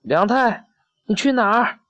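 A woman voicing a gentle, protective mother dinosaur in a picture book. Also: sits low, very animated, unhurried. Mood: tender.

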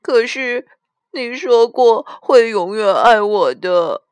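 Storybook casting: a small girl bear cub, high and pleading, slow, dry close sound, a woman putting her on. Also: lively intonation, no echo. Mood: tearful. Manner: pleading, questioning.

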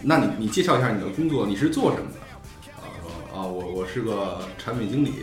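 A male podcast host in casual storytelling chat, animated, laughing often and mixing in English words. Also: on the low side, quick pace. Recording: roomy echo with faint music.

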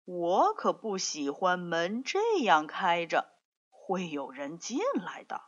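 A woman's voice: fairly low pitch, big pitch swings, takes it slowly, voice pushed down, exaggerated voice. A woman voicing a friendly, polite male lion in a storybook reading, speaking mildly and courteously. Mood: musing. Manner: mild, courteous, puzzled. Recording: dull lo-fi recording.

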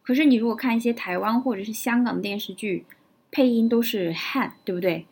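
A woman's voice: fairly high pitch, a little fast, slightly rough. A woman teaching English vocabulary, explaining words step by step, building example sentences and often checking in with "right?". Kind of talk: vocabulary lesson.

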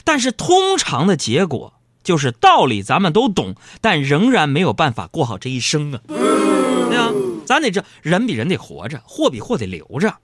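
A man's voice: fairly high pitch, moderate pace. A man hosting a radio show, telling comic stories in a playful, bantering way. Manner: storytelling, lively and bantering. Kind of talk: comic monologue.

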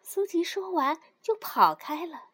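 A woman narrating a children's story in an expressive, animated reading style. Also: extremely high pitch, unhurried.

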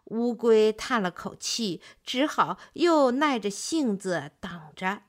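A woman narrating a children's fairy tale in a gentle, expressive storyteller's manner. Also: medium pitch, slow pace.

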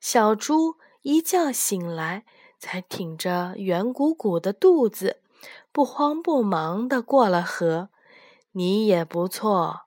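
Lady reading a kids' bedtime story, slow, dry close mic. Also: medium pitch, big pitch swings, darkish tone, no echo. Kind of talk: children's story narration.

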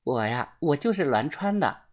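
A woman's voice: low-pitched, big pitch swings, moderate pace, darkish tone. A woman voicing a frank, world-weary young woman who talks in a wry, matter-of-fact way in a storybook reading.

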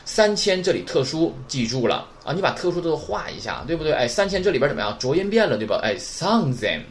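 Male language teacher, lively pitch, repetitive drilling delivery, faint background hiss. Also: quick pace. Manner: drills number words, constant "right?" check-ins. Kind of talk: recorded beginner lesson.

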